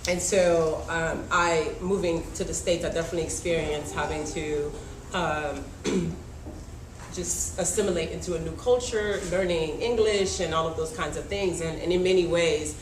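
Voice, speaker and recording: A woman's voice: low voice, steady tone, moderate pace. A young woman from Haiti, whose first language is Haitian Creole, telling personal stories to a panel audience in a chatty way, with many ums and small laughs. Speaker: panel speaker. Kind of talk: personal talk at a public forum. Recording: echoey room with background noise.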